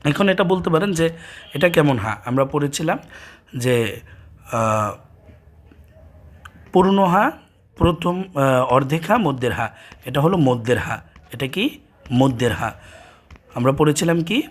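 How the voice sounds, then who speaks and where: Slow Bangladeshi man drilling letter sounds. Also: a little high, lively intonation. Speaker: Quran teacher. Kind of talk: slow recitation lesson with drills.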